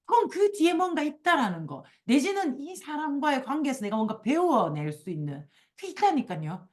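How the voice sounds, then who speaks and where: Animated woman with a lively pitch. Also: normal speed. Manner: animated, acts out quoted complaints in a raised voice. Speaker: book club host. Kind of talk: casual book discussion, reading passages aloud.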